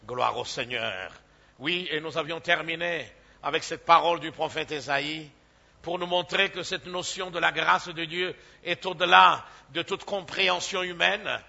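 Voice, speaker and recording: Slow, bright-voiced gravelly preacher man. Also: fairly high pitch, highs cut off. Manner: emphatic, punctuated with hallelujahs. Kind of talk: sermon.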